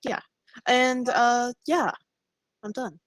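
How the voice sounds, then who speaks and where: A woman's voice: fairly high pitch, steady tone, slow pace, no echo. A woman chatting casually and a bit hesitantly as a player introducing herself on a tabletop show. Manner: hesitant, offhand. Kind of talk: casual chat.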